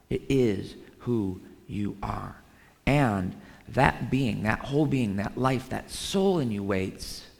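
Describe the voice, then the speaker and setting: A man's voice: mid-range voice, vocal fry, long reverb tail. A male pastor giving a conversational sermon, with frequent fillers and restarts.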